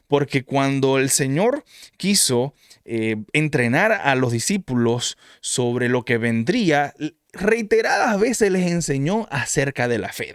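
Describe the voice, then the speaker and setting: Animated preacher man, halting storytelling. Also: a little high, dry recording, clean studio sound. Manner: halting, with frequent restarts and rhetorical "¿no?". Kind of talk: sermon.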